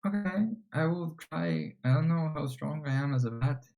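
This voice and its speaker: A man's voice: a little high, animated, normal speed, a little mellow. A man playing a tabletop role-playing game in casual chat, talking in a hesitant, unsure way.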